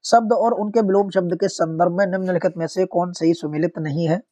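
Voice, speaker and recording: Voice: medium pitch, steady tone, brisk, mellow. A Hindi exam-prep teacher working methodically through practice questions, repeating each corrected word and speaking directly to students. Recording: dull lo-fi recording.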